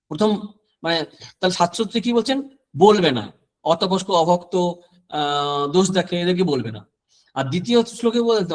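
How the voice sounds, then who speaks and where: Monk guy explaining verses, kinda high voice, lots of umms and ahs, steady teaching talk. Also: low-quality recording. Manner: explains Sanskrit verses line by line with frequent fillers. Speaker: monk giving scripture talks. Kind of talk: scripture discourse.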